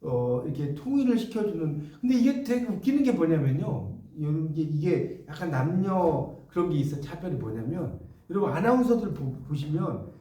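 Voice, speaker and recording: A man's voice: on the high side, sing-song, moderate pace, warm tone, recorded from a distance. Man dictating a lecture in an echoey classroom. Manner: dictates notes, repeats key phrases, checks understanding with questions. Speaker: teacher. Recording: echoey room, voice from off-mic.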